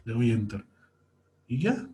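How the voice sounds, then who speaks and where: A man's voice: medium pitch, big pitch swings, slow pace, warm tone, slight background noise. A young man, patiently talking through a screen-recorded coding lesson step by step. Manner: patient, walks through each step aloud. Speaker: programming teacher.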